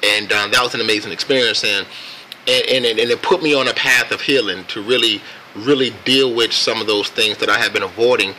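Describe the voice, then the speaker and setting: Bright-voiced American man telling his story. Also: on the low side, fairly even intonation, slight background noise, poor audio. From United States. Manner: reflective, laid-back, halting. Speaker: vlogger. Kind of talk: casual personal storytelling.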